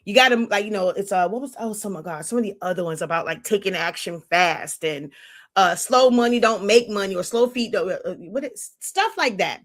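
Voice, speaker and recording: A woman's medium-pitched, expressive voice moves fairly quickly through an unscripted livestream lesson. As a business mentor, she lectures bluntly and regularly stops to hunt for a word.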